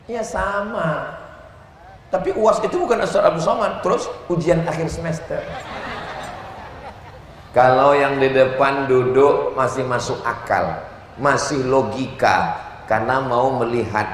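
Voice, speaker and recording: A man preaching to a large crowd at an outdoor gathering, asking the audience questions, chanting Arabic phrases and joking between points. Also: mid-range voice. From Indonesia. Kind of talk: lively sermon to a crowd. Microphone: loud sound system. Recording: very echoey, reverberant, slight noise.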